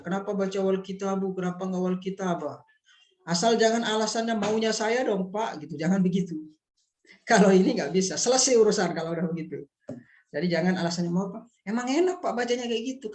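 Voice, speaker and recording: A man teaching a class in a relaxed, reassuring way, working through examples with rhetorical questions. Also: sits high. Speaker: lecturer. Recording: echoey room.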